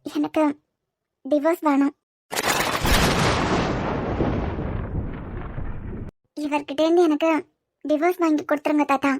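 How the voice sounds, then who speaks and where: A woman voicing a high-pitched defiant young wife. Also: little pitch movement, a little fast, noisy background, natural voice. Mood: pleading. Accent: Kanyakumari Tamil. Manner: pleading yet stubborn. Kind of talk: cartoon serial voice acting.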